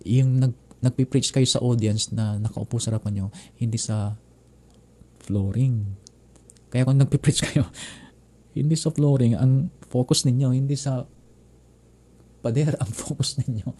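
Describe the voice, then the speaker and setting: A man giving a relaxed talk with practical tips on preaching, speaking in a conversational way that repeats words and phrases. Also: mid-range voice, measured pace, pauses often. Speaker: preaching instructor.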